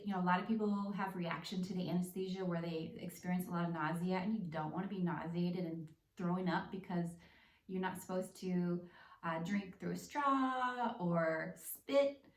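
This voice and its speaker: A woman's voice: lowish voice, a little mellow. A woman talking casually in a vlog, explaining practical tips step by step in a conversational way. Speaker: vlogger sharing personal experience. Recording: echoey room, distant microphone.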